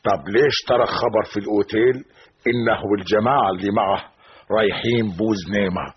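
A man's voice: on the low side, steady tone, quick pace, close to an everyday voice. An actor playing an older Bedouin sheikh with a Sinai Bedouin accent, worried about his son, in an old radio drama. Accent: Sinai Bedouin Arabic. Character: old male Bedouin sheikh, anxious father. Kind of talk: 1970s radio drama acting. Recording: dull old radio recording.

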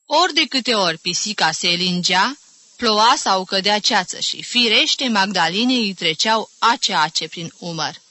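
A woman reading a literary novel aloud in a measured, ironic narrating manner. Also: medium pitch, animated, sharp tone, dry recording. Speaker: audiobook reader. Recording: dry close studio recording.

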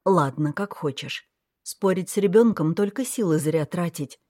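A woman's voice: lowish voice, normal speed, a little mellow, no echo, natural voice. A woman voicing a weary, wry young man speaking to a child in an audiobook, in a dry, matter-of-fact manner. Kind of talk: audiobook character voice.

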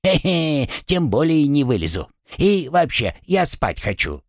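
A man's voice: fairly high pitch, big pitch swings, measured pace, no echo, clean studio sound, voice pushed up, exaggerated voice. A man voicing a cowardly, crude little male gremlin with a whiny, bleating manner in an audiobook.

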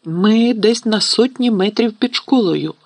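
A man voicing a bossy, know-it-all schoolgirl witch who turns shrill and commanding in a panic, in an audiobook reading. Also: unhurried, vocal fry, darkish tone, no room sound. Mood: tense.

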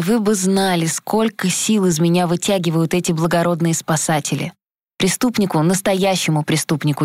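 A woman voicing a tired, sharp-tongued male detective who talks slowly and with sarcasm. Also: fairly low pitch, no room sound, studio quality. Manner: slow, drawling, sarcastic.

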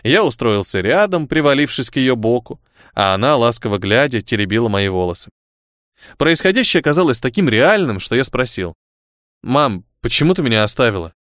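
A man reading a first-person novel aloud as an audiobook narrator, with expressive storytelling. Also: mid-range voice, fairly quick, smooth, dry recording, studio quality.

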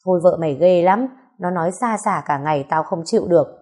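A woman's voice: lowish voice, quick pace, darkish tone, lightly acted. A woman reading the part of a weary, tearful elderly mother, pleading and complaining. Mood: defensive.

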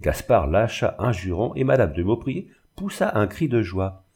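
A man narrating a classic novel as an audiobook in a measured, even storytelling manner. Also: on the low side, slightly rough. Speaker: audiobook reader. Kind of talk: scripted literary narration.

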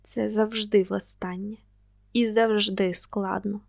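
Woman reading as a jealous young woman, teary, reproachful, flat-ish voice. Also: a little high, a little slow. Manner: reproachful, quiet.

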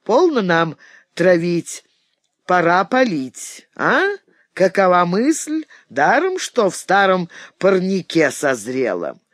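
Brief: teasing old knightly lord, jovial and lively in pitch, read by a male narrator. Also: slow, no echo, studio quality, full character voice. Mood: mocking, jovial. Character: old boastful castle lord, mocking.

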